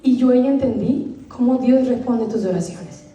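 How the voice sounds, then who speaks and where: Woman, church testimony, earnest and emotional, high pitch, set back from the mic in a roomy hall. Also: normal speed, warm tone, muffled recording. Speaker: church member giving testimony. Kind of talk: personal religious testimony. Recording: echoey room, voice from far off.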